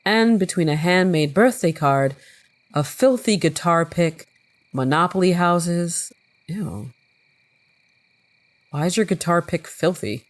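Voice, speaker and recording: A woman's voice: lowish voice, takes it slowly, pauses often. A chatty woman with a slightly congested voice, commenting casually on a game as she plays, reading its text aloud and poking fun at herself. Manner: chatty, self-mocking, often laughing. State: slightly congested from a recent cold. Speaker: gameplay video host.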